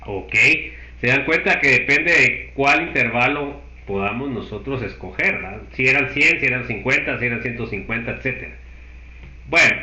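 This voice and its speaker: Guy teaching chem, super bright voice, keeps asking if everyone gets it, echoey room. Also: mid-range voice, muffled recording. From Guatemala. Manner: explains step by step, often checking with the class. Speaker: chemistry teacher. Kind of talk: university lecture.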